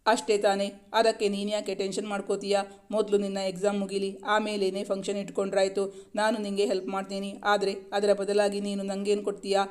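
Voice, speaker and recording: A man's voice: high voice, completely flat delivery, fairly quick, lightly acted. A man reading as Vedanth, a tender young husband. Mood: teasing. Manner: affectionate, coaxing questions.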